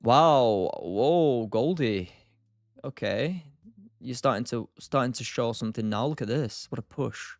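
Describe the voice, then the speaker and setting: A man's voice: mid-range voice, lively intonation, unhurried, no room sound, clean studio sound. A tired man hosting a live stream, thinking aloud and answering chat in a loose, casual way. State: tired, short on sleep. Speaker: streamer, day trader.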